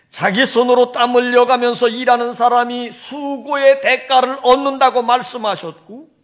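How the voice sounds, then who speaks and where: A woman senior pastor preaching a sermon, telling stories and addressing the congregation directly. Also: a little high. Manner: storytelling, addresses congregation, leads call-and-response.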